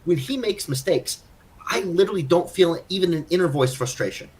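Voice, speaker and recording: A man's voice: high voice, lively intonation, brisk, a little mellow. A man co-hosting a podcast, chatting casually and thinking aloud about his own game, self-critical and full of restarts. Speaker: podcast co-host. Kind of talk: casual chat.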